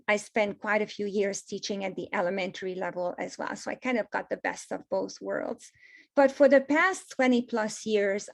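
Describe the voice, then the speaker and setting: A Hungarian woman in her fifties with a Hungarian accent and a voice pitched a little high gives a webinar presentation over a video call. Her delivery is gracious and emphatic.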